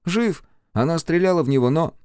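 A man's voice: fairly high pitch, expressive, a little fast, a little mellow, smooth, dry recording, clean studio sound, voice pushed up, close to an everyday voice. A man voicing an earnest, jealous teenage boy who speaks in a raised, agitated and pleading voice. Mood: earnest, gloomy.

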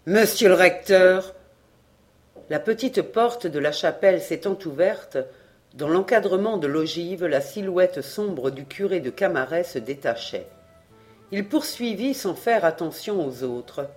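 A man reading a novel aloud as an audiobook narrator, giving the quoted dialogue a lively voice. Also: on the high side, unhurried, soft background music. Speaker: audiobook reader. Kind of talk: scripted narration.

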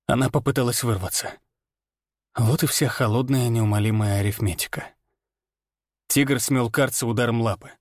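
Male audiobook narrator, measured first-person reading, dry sound. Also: medium pitch, steady tone, no echo.

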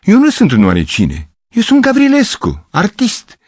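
A man's voice: low voice, lively intonation, gravelly, husky, dry recording, exaggerated voice. A man voicing an aging male piano teacher who is pompous and self-pitying, with a theatrical, pathetic way of declaiming.

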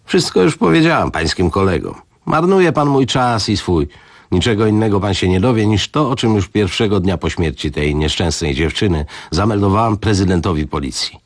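A man reading the part of an angry, domineering woman who runs a girls' home, speaking in a raised, rapid voice. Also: fairly low pitch, animated, pitched above the performer's own voice. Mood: furious. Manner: shouting, indignant, rapid.

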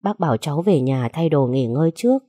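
A woman voicing a middle-aged mother who pleads for calm in a told story. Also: low voice, brisk. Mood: pleading. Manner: soothing, pleading.

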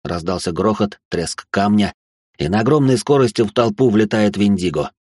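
A man with a low, husky voice narrates a first-person story, dramatic and quick with side remarks. The recording is dry and close. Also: animated, a little mellow, no echo.

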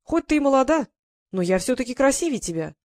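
A woman's voice: sits high, big pitch swings, quick pace, a little mellow, dry recording, studio quality, pitched above the performer's own voice. A woman reading as a firm elderly duchess. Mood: commanding. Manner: firm and commanding, decisive. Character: domineering elderly aunt, a duchess. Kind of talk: audiobook character reading.

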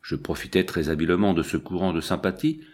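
A man reading a novel aloud in a measured, storytelling way. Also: deep voice, darkish tone. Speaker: audiobook narrator. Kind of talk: scripted narration.

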